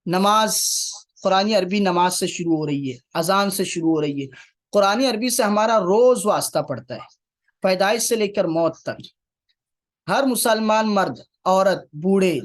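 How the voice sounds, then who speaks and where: A man teaching Quranic Arabic, repeating key phrases and putting rhetorical questions to his class. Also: high voice. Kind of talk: classroom lecture.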